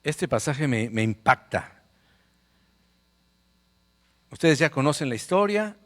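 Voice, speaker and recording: A male pastor preaching a lively sermon, swinging between loud exhortation and quiet storytelling. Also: mid-range voice, takes it slowly, big-room sound. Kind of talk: lively sermon with acted-out anecdotes. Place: church sanctuary with a PA speaker.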